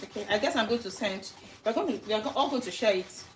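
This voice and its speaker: A woman's voice: medium pitch, fast talker, slight background noise. A woman from Nigeria, chatting casually to live viewers while she cooks in her home kitchen and greets them by name. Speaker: cooking livestream host. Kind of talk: casual live cooking stream. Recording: roomy kitchen echo.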